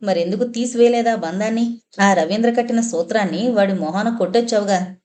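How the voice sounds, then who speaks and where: A woman's voice: mid-range voice, fairly quick, mellow, close to an everyday voice. A woman voicing a lovesick, hurt young man in an audiobook novel, speaking with ardent urgency.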